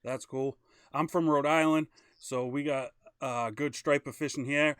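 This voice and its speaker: A man's voice: a little high, steady tone, measured pace, fairly bright tone, smooth, no echo, clean studio sound. A man hosting a casual live-stream fishing interview, upbeat and chatty, with sponsor plugs and easy questions. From Maine. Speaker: host.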